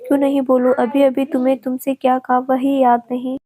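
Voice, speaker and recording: A woman's voice: sits high, completely flat delivery, brisk, mellow, no room sound. A woman reading as a pouty, demanding young bride-to-be. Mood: scolding. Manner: scolding, pouty. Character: young pregnant fiancée, teasing and demanding. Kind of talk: storybook reading.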